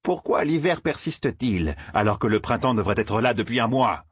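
Guy doing a cranky old roofer, shouty, voice jumps all over, husky. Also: mid-range voice, lively intonation, moderate pace, dry recording, studio quality, voice pushed up. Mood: indignant. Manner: shouting, scolding. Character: cranky old male village roofer, indignant. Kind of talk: audiobook character voice.

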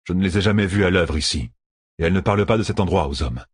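A man's voice: deep voice, husky. Man doing a stoic, grave warrior. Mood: solemn. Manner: calm, measured, solemn.

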